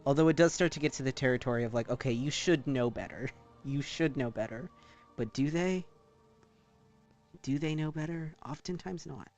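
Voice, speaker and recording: A man talking casually and with some swearing as a streamer who draws live, rambling in an animated way. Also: medium pitch, moderate pace, soft background music. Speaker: streamer drawing art live. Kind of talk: casual livestream chat while drawing.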